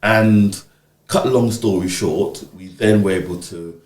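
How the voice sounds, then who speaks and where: Speaking unhurriedly in a fairly low voice, a UK community organiser in his fifties shares conversational stories during an interview. He's animated, performing the speech of those he quotes, and the room sounds echoey.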